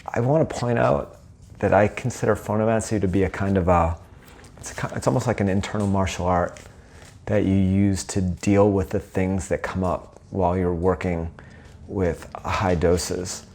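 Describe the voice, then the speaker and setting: Low-voiced man giving an earnest rambling report. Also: steady tone, moderate pace, gravelly, darkish tone. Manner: rambling, earnest, with frequent restarts and fillers. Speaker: host of a personal video report. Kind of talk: casual spoken report.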